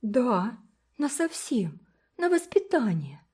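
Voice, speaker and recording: A woman voicing a timid little girl who pleads earnestly in a high, gentle voice. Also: lively intonation, measured pace. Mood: pleading.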